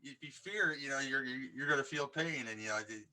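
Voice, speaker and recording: A man's voice: mid-range voice, a little fast, pushed and bright. A man co-hosting a casual podcast, talking in a rambling, enthusiastic way with many restarts. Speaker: podcast co-host. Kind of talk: casual podcast chat about horror films.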